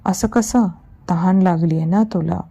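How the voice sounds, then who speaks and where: A woman voicing a creepy old woman with a cold, hoarse voice in a spoken horror story. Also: on the low side, a little slow, mellow, full character voice. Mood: menacing.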